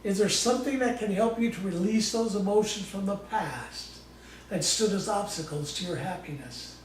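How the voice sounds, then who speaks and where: Speaking at a moderate pace in a voice that sits high, a guest presenter guides a live imagery exercise. He keeps it soothing, informal and folksy, coaxing listeners and often repeating short phrases. The sound comes from a distant microphone in an echoey space, with faint noise.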